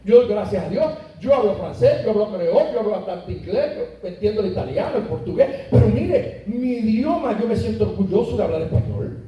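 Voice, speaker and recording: A Puerto Rican pastor delivers a sermon in a church sanctuary, his high male voice warm and animated. He preaches with emphatic rises and slows down to stress certain words. The recording captures the echoey church from a distance.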